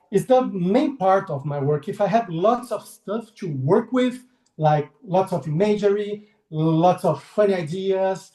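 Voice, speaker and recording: This Brazilian man in his forties, accented in Brazilian Portuguese, joins a casual video-call interview as a guest illustrator. He's friendly, hesitant, and laughs often, with a voice that sits high and dark in a reverberant room.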